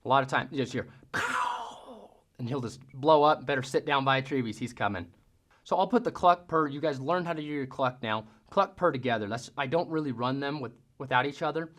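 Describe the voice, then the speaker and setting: A man's voice: mid-range voice, fast, a bit bright. A man giving a casual how-to lesson as a hunting-call instructor, talking in a folksy way. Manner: folksy, mimics sounds with vocal demonstrations.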